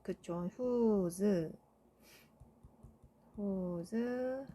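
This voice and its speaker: A woman's voice: medium pitch, warm tone. A woman teacher going through English grammar exercises in a lecture, checking understanding with short tag questions. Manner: slow, explanatory, checks with "그쵸?". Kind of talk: lecture explaining grammar answers.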